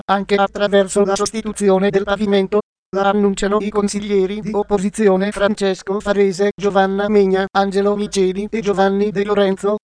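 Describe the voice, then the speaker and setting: High, very monotone synthetic male news voice. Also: clean tone, no echo. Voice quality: synthetic text-to-speech voice. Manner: formal, impersonal. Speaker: news reader. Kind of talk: scripted news article reading.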